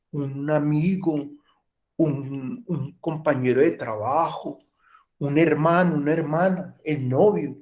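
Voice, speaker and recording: Colombian guy teaching online class, acts out little dialogues, warm kinda higher voice. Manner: storytelling, acts out dialogue, repeats himself. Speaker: university lecturer.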